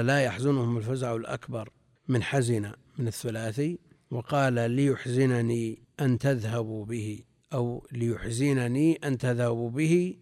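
A man's voice: mid-range voice, a little mellow, dry recording, clean studio sound. A man teaching a classical religious text, reading quoted sources aloud and explaining them, repeating phrases and correcting himself as he goes, sometimes asking his students questions. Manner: reads quoted sources, then explains in a measured way. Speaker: Islamic scholar teaching a text. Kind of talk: classical text lesson with commentary.

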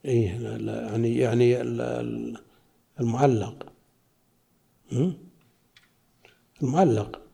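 A man teaching a lesson, slowly reading a classical religious commentary aloud and explaining it in plain spoken asides. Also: medium pitch, fairly even intonation, creaky, mellow.

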